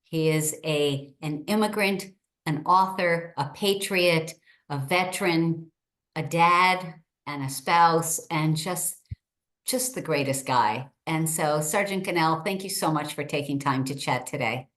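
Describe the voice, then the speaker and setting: A middle-aged woman, who is a state senator, hosts a brief video-call interview, introducing her guest and asking questions with upbeat enthusiasm. Her voice is low, a little bright, and unhurried.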